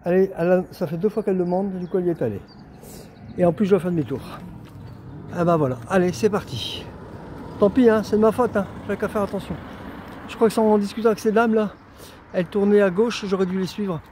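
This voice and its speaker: A man's voice: high voice, fast, darkish tone, a little hiss or hum. Tired, chatty man filming himself outdoors. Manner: chatty, rambling, talks to himself, self-mocking. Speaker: vlogger walking a pilgrimage route. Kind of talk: casual self-filmed walking vlog. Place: outdoors on a road and path. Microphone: handheld camera while walking.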